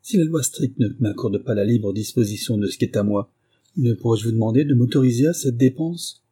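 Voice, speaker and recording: A shy young wife pleads earnestly with her husband, read by a man in his own voice. The tone is dark and husky, with little change from the narration. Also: mid-range voice, brisk, natural voice. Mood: discouraged. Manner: hesitant and earnest.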